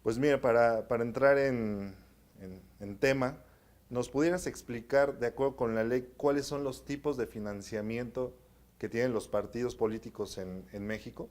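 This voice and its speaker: A man's voice: mid-range voice, fairly even intonation, normal speed, a little mellow. A man hosting an interview, introducing a guest formally and asking questions with some hesitation. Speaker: interview host.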